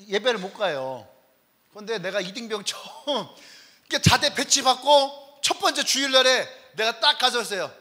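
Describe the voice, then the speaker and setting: A male pastor with a high-pitched voice preaches a Wednesday sermon in a church sanctuary, where a long reverb tail follows his words. He tells army stories with animation, acts out the voices of the people in them, and laughs often.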